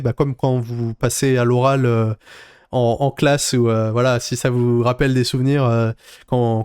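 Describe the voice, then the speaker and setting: A man chatting casually on a live stream, recapping his tournament run in a rambling, animated way and answering viewer chat. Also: medium pitch, clear, resonant tone, dry recording, clean studio sound. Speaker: card game player recapping a tournament.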